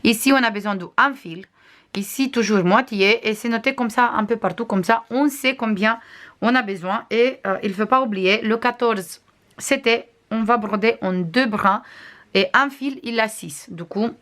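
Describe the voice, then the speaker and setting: A woman crafts vlogger with a non-native accent, casually reviewing and showing items to the camera, often pausing with hesitations. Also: on the high side, fairly bright tone. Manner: chatty, frequent hesitations, shows items to camera.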